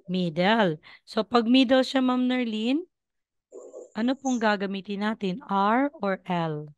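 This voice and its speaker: A woman from the Philippines teaches Korean in an online class over a video call, coaching students patiently and repeating sounds. Her medium-pitched voice is slow and smooth, and the recording is muffled with no echo.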